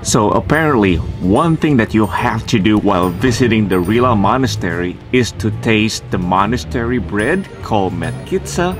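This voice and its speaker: A young travel vlogger hosts a casual video outdoors at a mountain monastery, marvelling enthusiastically at what he sees. His voice is on the low side and animated, moving at normal speed with few pauses, over music.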